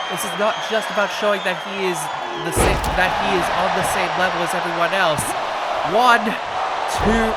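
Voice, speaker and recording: A man doing live play-by-play as a wrestling commentator, excitable and wordy, repeating phrases for emphasis. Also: high voice. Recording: loud crowd noise behind the voice.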